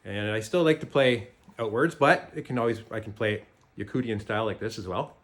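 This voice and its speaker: A man with a Canadian accent giving a casual music tutorial, relaxed and halting, with fillers and restarts. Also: lowish voice. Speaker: jaw harp teacher.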